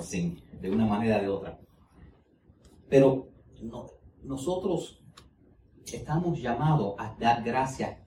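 A man's voice: medium pitch, warm tone. A man, a preacher giving a folksy, joking sermon in the manner of a teacher. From United States. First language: English. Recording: roomy, distant mic, faint background noise.

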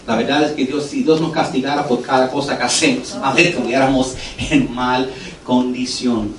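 A man's voice: fairly high pitch, far from the mic, a little hiss or hum. A man preaching in an echoey church. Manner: earnest preaching that turns lively when telling a story, tossing in English words. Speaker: pastor. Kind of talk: sermon. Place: church sanctuary. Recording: echoey church hall, voice from afar, music under it.

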